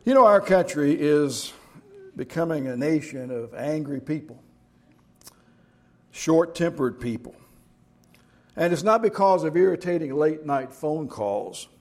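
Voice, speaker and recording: A man's voice: fairly high pitch, animated, a little slow, pauses often. A middle-aged man preaching a sermon as pastor, telling jokes and stories in a folksy way. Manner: folksy joke-telling storyteller.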